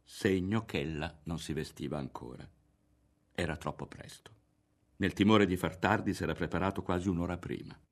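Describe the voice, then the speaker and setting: Deep-voiced man reading a novel. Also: moderate pace. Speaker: audiobook narrator. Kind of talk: literary reading.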